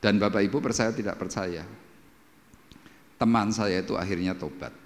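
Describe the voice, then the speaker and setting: Javanese-accented pastor preaching in a reverberant hall. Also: male voice, on the low side, normal speed. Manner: lively storytelling, acts out quoted voices loudly. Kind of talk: sermon. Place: church service.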